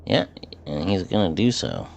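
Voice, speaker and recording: A man's voice: deep voice, wildly swooping pitch, normal speed, creaky. A man running a tabletop game as game master, making brief, joking rulings. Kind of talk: casual tabletop game chat.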